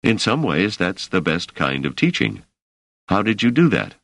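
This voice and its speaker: Man reading as deep-voiced mild scholar, lively inflection, dry sound. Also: creaky, no echo, full character voice. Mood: measured. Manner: measured, mildly wry. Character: curious middle-aged male scholar, mild, polite.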